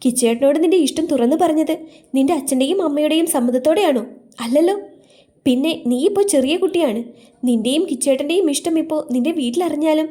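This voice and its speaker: A woman's voice: high voice, warm tone, voice pushed up, lightly acted. Woman voicing a bossy, caring young friend. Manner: scolding, coaxing.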